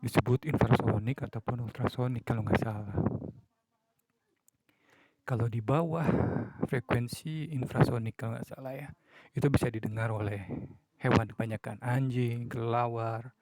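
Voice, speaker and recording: A man's voice: mid-range voice, fairly even intonation, moderate pace, long pauses, darkish tone, dry recording, rough recording. A man talking casually on his own podcast, musing and acting out examples of moods and a late-night radio host. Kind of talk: casual solo talk.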